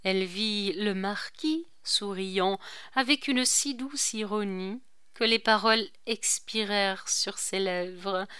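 A woman narrating a classic novel as an audiobook, in a measured, deliberate reading. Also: mid-range voice, bright, forceful tone, clear, resonant tone, no echo, clean studio sound.

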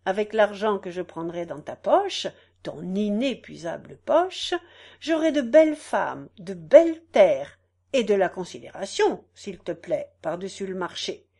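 A woman voicing a smug, greedy male election candidate who shouts grand promises in a storybook reading. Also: mid-range voice, very animated, a little slow, vocal fry, heavily acted.

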